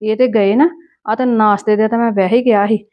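A woman with a Punjabi accent playing a sharp-tongued, scheming housewife in a family drama. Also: fairly high pitch, steady tone, a little fast, highs cut off. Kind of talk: village family drama acting.

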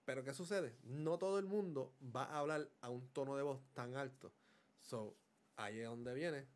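The man, a gaming YouTuber with a Puerto Rican Spanish accent, speaks at medium pitch and normal speed while reviewing a desk condenser microphone from home. His casual explanation of its settings is dotted with English words and frequent checks that the listener follows.

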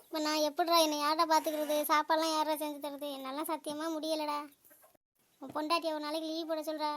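A woman's voice: high voice, little pitch movement, fast, a bit bright. A woman voicing an ailing older mother-in-law in a home-made cartoon, plaintive and remorseful. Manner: plaintive, pleading tone.

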